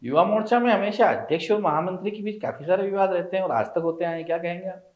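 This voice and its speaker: A man with a somewhat high voice puts pointed, challenging questions to a politician and pushes back on his answers. The sound is echoey and dull, like a lo-fi local news recording. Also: fast. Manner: probing, challenging.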